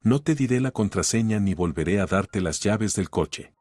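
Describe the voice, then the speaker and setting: Man voicing a quiet, measured young wife. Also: lowish voice, expressive, no echo, studio quality. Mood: strained calm. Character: young wife holding back tears. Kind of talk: audiobook story reading.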